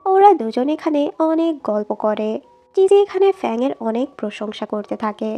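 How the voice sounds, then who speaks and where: A woman narrating a drama plot in a steady storytelling read, quoting each line of dialogue. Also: a little high, normal speed, highs cut off.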